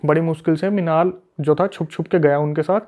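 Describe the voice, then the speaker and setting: A man's voice: on the high side, brisk. A man telling a spooky story on a casual podcast, retelling it with energy and acting out what people said. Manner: animated retelling that acts out the quoted people. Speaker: guest storyteller.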